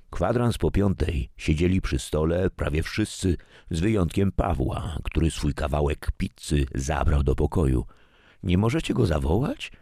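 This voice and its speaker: Very deep-voiced man reading a story. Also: breathy edge, dry recording, studio quality. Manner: calm, measured storytelling. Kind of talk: scripted narration.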